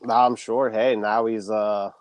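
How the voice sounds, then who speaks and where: A man's voice: on the low side, flat delivery, takes it slowly, smooth, no room sound. A man co-hosting a podcast, casually recapping a horror film plot and swearing freely.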